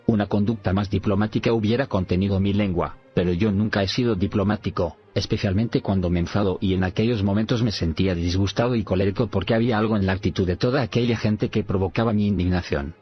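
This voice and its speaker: A male audiobook narrator reads in a measured way, even speaking punctuation aloud. His voice is very low, and faint music plays under a dull, lo-fi recording.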